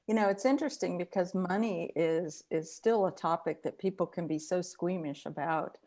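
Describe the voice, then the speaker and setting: A woman's voice: lowish voice, normal speed, warm tone. A middle-aged woman, a psychologist, hosting an online interview, asking questions with enthusiasm on a video call.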